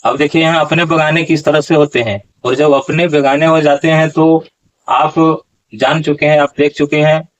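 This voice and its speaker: A man teaching how to pronounce a Gita verse. He talks slowly, asks questions and corrects recitations. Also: on the high side, fairly even intonation, highs cut off. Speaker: Sanskrit pronunciation teacher.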